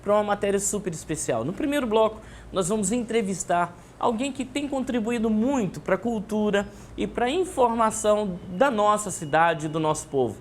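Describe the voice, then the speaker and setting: A woman's voice: mid-range voice, animated, normal speed, hardly any pauses. A Brazilian woman hosting a show, introducing it in a grand, theatrical ringmaster manner. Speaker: host and interviewer of a local culture programme. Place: indoors at a museum. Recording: echoey room with faint background noise.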